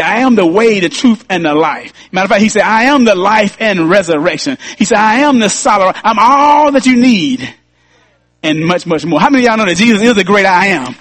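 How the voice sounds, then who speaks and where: A man's voice: high voice, fairly bright tone, no room sound. A man preaching a sermon as pastor, repeating key lines and rising to emphatic peaks.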